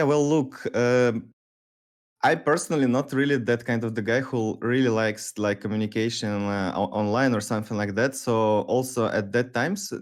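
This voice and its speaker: A thirty-year-old man, a podcast guest, speaking that is not his in a halting, laid-back way with many fillers. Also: medium pitch. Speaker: guest, pro gamer. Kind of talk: casual interview chat.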